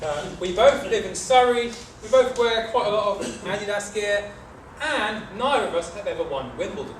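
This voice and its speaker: A young British man delivers a humorous tall-tale speech to a live audience, telling it theatrically with dramatic pauses and emphasis. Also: high-pitched, lively intonation. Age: 20s or 30s. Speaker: club speech contestant. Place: echoey meeting room with an audience. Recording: roomy, noisy, distant microphone.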